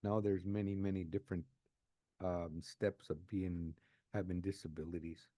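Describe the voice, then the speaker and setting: Earnest older man, low mellow voice. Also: steady tone, no room sound, clean studio sound. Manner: halting, repeats words and restarts phrases; emotional, earnest. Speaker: interviewee sharing his life story. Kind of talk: personal testimony, unscripted.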